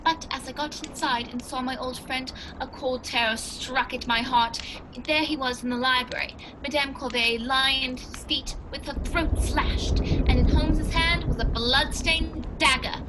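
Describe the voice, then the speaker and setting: A woman's voice: high voice, fairly even intonation, a little slow, noisy background. A woman playing a genial old English doctor who tells a mystery tale in an earnest, old-fashioned 1940s radio style. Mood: grave storytelling.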